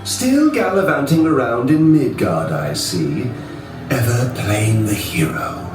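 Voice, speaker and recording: A man's voice: medium pitch, sing-song, slow. A man playing a sly trickster god villain in a live children's show, teasing and mocking as he draws out his words. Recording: echoey venue from far off, loud music.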